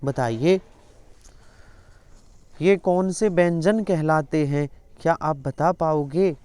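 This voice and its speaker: A man's voice: on the high side, takes it slowly, a little mellow, smooth, dry recording. A male teacher running an exam-prep lesson, repeatedly coaxing students to answer his questions.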